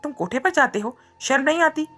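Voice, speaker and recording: A woman's voice: mid-range voice, brisk, creaky, fairly bright tone, soft background music. A woman voicing a feisty young woman who scolds and protests indignantly in a read-aloud story. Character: feisty young woman, sharp-tongued captive.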